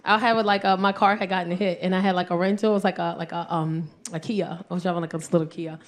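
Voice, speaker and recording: A woman's voice: on the low side, steady tone, fast. A young woman from New doing a brash, profane stand-up set with crowd work on a club stage. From South Bronx, New York. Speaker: stand-up comedian.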